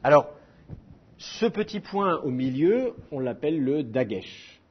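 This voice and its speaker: A man's voice: a little high, sing-song, slow, breathy edge, dull audio. A middle-aged man teaching a class, explaining with demonstrated sounds and self-mocking humor. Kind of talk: classroom lecture.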